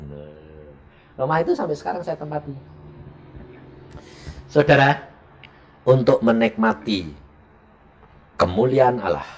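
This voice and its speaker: A middle-aged male evangelist, preaching a sermon as a lively story and acting out the dialogue. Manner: animated, acts out dialogue with sharp pitch jumps.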